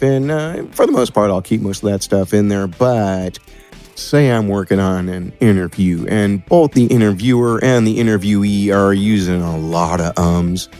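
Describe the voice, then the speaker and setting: This guest on a podcast is a Californian man who produces podcasts and edits audio, speaking in a lowish, warm voice. He keeps things relaxed and playful, describing his working process in easygoing, everyday American language.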